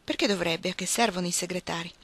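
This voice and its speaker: A woman's voice: lowish voice, quick pace, fairly bright tone. A woman reading the lines of a poised, wry young countess in an audiobook. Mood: amused.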